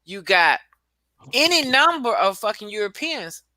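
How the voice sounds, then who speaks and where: A woman's voice: medium pitch, sing-song, a little slow, sharp tone, no echo. A woman speaking emphatically and bluntly in a casual discussion, repeating points and swearing for force.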